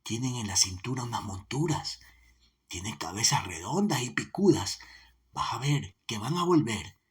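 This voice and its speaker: Brief: man voicing a scared peasant boy in an audiobook, hushed and urgent, husky, soft and low. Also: expressive, normal speed. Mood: fearful hush. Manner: hushed, urgent, half-whispered. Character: frightened peasant boy, hushing his sister.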